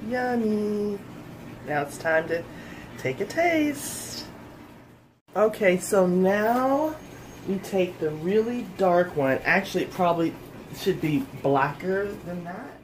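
A woman's voice: mid-range voice, expressive, slow pace, slight background noise. A middle-aged woman hosting a casual home cooking show from her kitchen, chatty and upbeat, talking straight to viewers.

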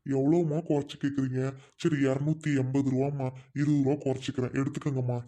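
A man's voice: mid-range voice, little pitch movement, fairly quick, mellow, lightly acted. A man voicing a poor, weary older fish seller and father in a cartoon, pleading patiently.

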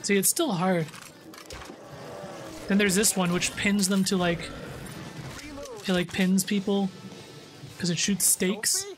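A man's voice: high voice, level tone, slow, long pauses, music in the background. A man hosting a casual co-op gameplay stream from home, joking and swearing as he talks. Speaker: streamer host.

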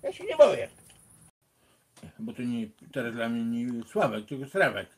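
A man's voice: medium pitch, wildly swooping pitch, moderate pace, a little hiss or hum. A man in a casual street argument, mocking and swearing crudely.

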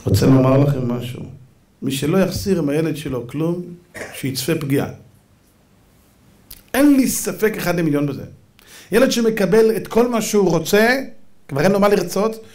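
A man preaching a Torah lesson as a rabbi, his voice sitting a little high and leaping about in pitch. He drives his points with rhetorical questions and sudden emphatic bursts, now and then acting out other voices. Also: darkish tone. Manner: acts out quoted voices.

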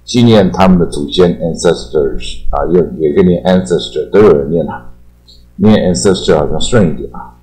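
Older man, Taiwanese Mandarin accent, very deep voice, relaxed chatty teacher who draws out his particles, soft music bed. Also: low-quality recording. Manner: chatty, drawn-out sentence-final particles. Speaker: English teacher. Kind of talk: casual explanatory lesson.

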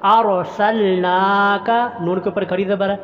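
High voiced guy teaching quran recitation, chants slow then explains quick, muffled recording w long echo. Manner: slowly chants each verse, then explains rules briskly. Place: online class recording.

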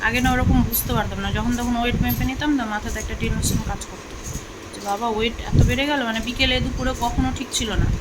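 A woman from Bengal talks to her viewers while she does chores around the house, in a casual, chatty way. Her voice sits a little high. It is recorded on a phone indoors, with a steady hum running behind her. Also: quick pace. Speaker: vlogger. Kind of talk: casual home vlog chat. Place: home, indoors.

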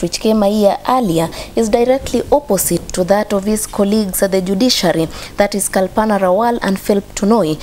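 A woman with a Kenyan accent reading a formal news voice-over in a measured way. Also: mid-range voice, darkish tone, slight background noise, low-quality recording. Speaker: news reporter.

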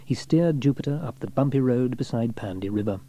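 A man gives an expressive read-aloud of a children's story at a brisk clip. His mellow, mid-pitched voice rises and falls in a lively way that suits audiobook narration.

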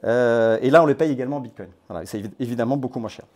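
A man giving an informal presentation to a meetup group, talking in a conversational, halting way with many hesitations and restarts. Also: medium pitch, darkish tone. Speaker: crypto platform founder giving a talk. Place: based in Nouméa.

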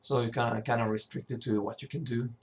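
A man who sounds sick, with a cracking voice, giving an informal, hesitant software tutorial. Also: medium pitch, fairly even intonation, fairly quick, background noise. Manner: hesitant, often stumbling and throat-clearing. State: sick, sore voice. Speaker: tutorial presenter, level designer.

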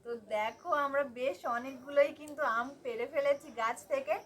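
A young woman chatting to her viewers in a lively vlog, addressing them as friends, recorded outdoors on a sunny rooftop. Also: sits high, brisk. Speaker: vlogger.

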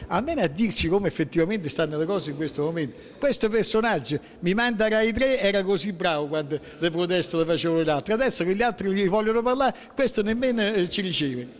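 In a public building's indoor hallway, a local political figure in his sixties speaks into a handheld interview mic held toward him. His southern Lazio accent is central-southern Italian, and his voice sits high and expressive, filling a large hall. The impromptu interview finds him emphatic and aggrieved, halting, restarting and repeating rhetorical questions.

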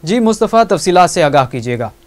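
A male news anchor reads a formal, measured introduction. His voice sits slightly high, recorded cleanly in a TV studio. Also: big pitch swings.

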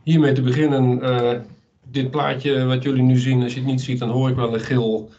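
A man in his fifties presenting a webinar lecture over a video call, measured and explanatory as he walks through slides. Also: medium pitch, flat delivery, mellow, slight background noise. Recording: dull lo-fi video call audio.

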